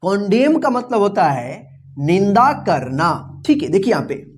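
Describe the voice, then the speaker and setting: Slow, patient woman teaching vocabulary. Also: medium pitch, big pitch swings, a little hiss or hum. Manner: spells words letter by letter and quizzes the listener; repeats each answer and meaning patiently. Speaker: English teacher. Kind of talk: classroom-style vocabulary lesson.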